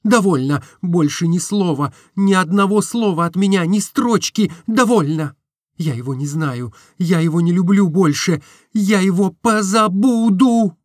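A man reading aloud and voicing a distraught, tearful young woman who pleads in breathless, rapid questions. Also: high-pitched, no echo, clean studio sound, voice pushed up.

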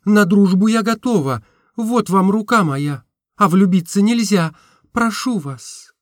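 A man's voice: sits high, measured pace, no room sound, clean studio sound, pitched above the performer's own voice. A man voicing an earnest young girl. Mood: earnest confiding. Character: young woman, frank, earnest, gently teasing. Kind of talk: audiobook character voice.

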